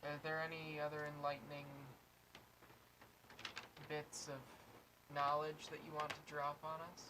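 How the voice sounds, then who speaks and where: A woman playing a tabletop game, talking quickly and asking questions, often trailing off mid-thought. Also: low-pitched, monotone. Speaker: player. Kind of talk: casual tabletop play. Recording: noisy stream audio.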